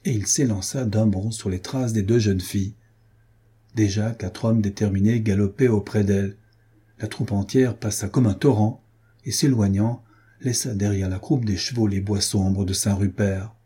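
A man reading a historical adventure novel aloud in a steady, measured narration. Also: lowish voice, slightly rough. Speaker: audiobook reader. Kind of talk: scripted narration.

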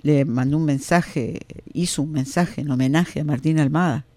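Dry-voiced radio host. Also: male voice, a little high, moderate pace, no echo. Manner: calm, informative with fillers. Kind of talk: radio commentary.

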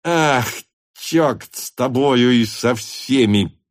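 A man reading an audiobook, voicing a hot-tempered male hussar officer who shouts in fury. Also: mid-range voice, very slow. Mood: furious shouting. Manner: shouting, furious. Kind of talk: audiobook character voice.

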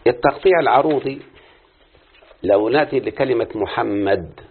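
A man with an Egyptian Arabic accent gives a classroom lesson on prosody, speaking directly to his pupils and stretching out syllables as he explains. His voice is medium-pitched and slightly breathy, at a moderate pace. The audio is tinny and lo-fi, like a phone recording.

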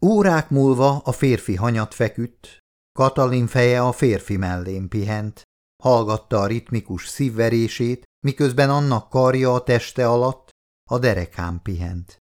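A man from Hungary reading an audiobook in calm, steady scripted narration. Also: mid-range voice.

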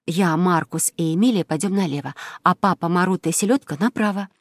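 A woman's voice: fairly low pitch, brisk, no room sound, close to an everyday voice. A woman voicing a brave candy-shop mother in a children's audiobook, firm and commanding. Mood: decisive.

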